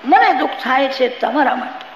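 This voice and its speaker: A man's voice: very high voice, lively intonation, moderate pace, fairly bright tone, roomy sound, big-room sound, muffled recording, slight background noise. A man voicing a scheming old maidservant who fakes sorrow, within a live sermon story. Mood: sly lament. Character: scheming old maidservant woman, fake-weeping.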